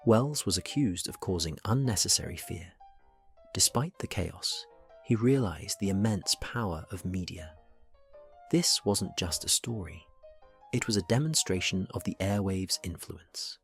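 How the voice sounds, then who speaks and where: Brief: low-pitched male documentary narrator, dramatic scripted read, faint music underneath. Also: lively intonation, measured pace, vocal fry.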